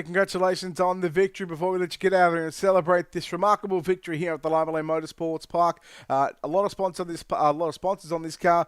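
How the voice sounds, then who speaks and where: A man's voice: fairly high pitch, smooth, no room sound, studio quality. Upbeat Australian man hosting races. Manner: upbeat announcer, punchy sign-off phrasing. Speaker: race broadcast host. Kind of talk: sim racing commentary and interview.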